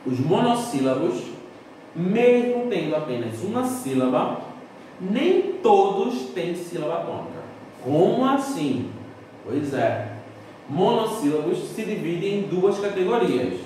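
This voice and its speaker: A male teacher with a fairly high voice that rises and falls a lot as he explains a grammar point. He asks rhetorical questions and answers them himself. He sounds a little distant from the mic, in a very echoey room with faint background noise. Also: sing-song, slow, dark tone. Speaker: school Portuguese teacher. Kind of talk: recorded classroom lesson.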